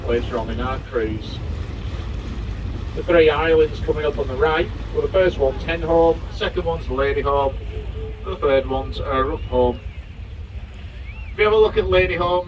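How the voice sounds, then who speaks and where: A man speaks over a boat's loudspeaker, giving safety instructions and sightseeing commentary in a practised, matter-of-fact manner. His voice sits a little high and comes from a distance. Engine and wind noise rumble clearly behind him. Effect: over a boat's loudspeaker system. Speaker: boat crew giving cruise commentary. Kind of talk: safety announcement and tour commentary. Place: aboard a lake cruise boat. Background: engine, water and wind noise.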